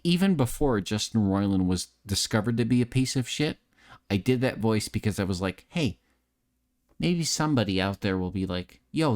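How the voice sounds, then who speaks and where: Late at night on stream, a man with a fairly low, slightly mellow voice chats candidly. He swears freely, jokes at his own expense, and often repeats words or restarts sentences.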